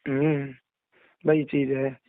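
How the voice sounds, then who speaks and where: Talking slowly in a mid-range voice with little pitch movement, a young religious storyteller explains things deferentially during a casual phone call. There's no room sound, and the recorded call sounds narrow and dry.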